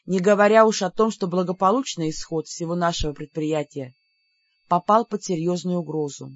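An audiobook narrator reading a fantasy novel in an even, measured storytelling manner. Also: medium pitch, no room sound, highs cut off.

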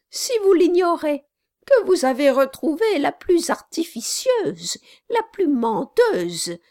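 A woman voicing a sharp, defiant, scornful spinster who takes snuff, in an audiobook reading. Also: dry recording, clean studio sound. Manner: shrill, scornful outbursts.

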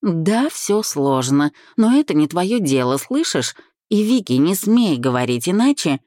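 A woman's voice: sits low, sing-song, moderate pace, mellow, dry recording, clean studio sound. A woman voicing a brash, defensive young man who blusters and snaps back in an audiobook. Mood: snapping.

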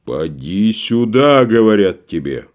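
A man's voice: medium pitch, big pitch swings, takes it slowly, full character voice. A man voicing a pompous, grandiloquent tragic actor, declaiming theatrically in an audiobook play reading. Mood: indignant declaiming.

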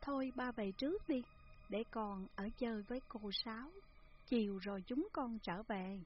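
A woman voicing a young village daughter who speaks gently and softly, in a slightly muffled recording with faint hiss. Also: fairly high pitch, normal speed, natural voice. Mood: gentle. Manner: gentle, soft-spoken.

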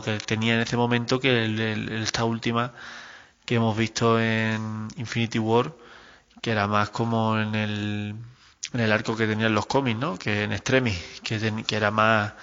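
A man speaks low and gravelly in a measured, musing voice message. The sound is dull and lo-fi. A long reverb trails behind every phrase. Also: little pitch movement, a bit bright. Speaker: listener sending an audio message. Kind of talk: recorded voice message.

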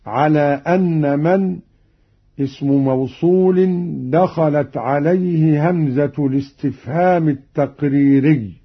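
A man formally explaining Quran reading variants, alternating explanation with drawn-out chanted recitation of the verses. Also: a little high, breathy edge, lo-fi sound.

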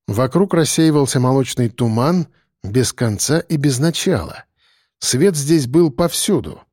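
A man narrating first-person fiction in a measured, grave way, in an audiobook. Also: mid-range voice, mellow, studio quality. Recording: roomy reverb, faint noise.

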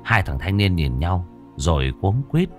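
A man narrating a ghost story in a dramatic, expressive way. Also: low voice, unhurried. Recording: faint background music.

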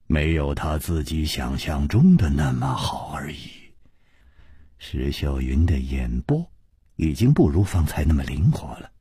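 说书大叔，嗓子特沙，讲得慢悠悠，起伏很大. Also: male voice, very deep voice, breathy edge, dry recording, clean studio sound. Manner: expressive, unhurried narration. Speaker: storyteller. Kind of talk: audiobook storytelling.

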